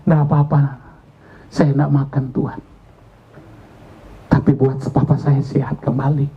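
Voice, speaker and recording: A male pastor voicing a young child who prays earnestly for his father, quieter and lower than his usual voice. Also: flat delivery, unhurried, slightly rough, dull audio. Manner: earnest, hushed.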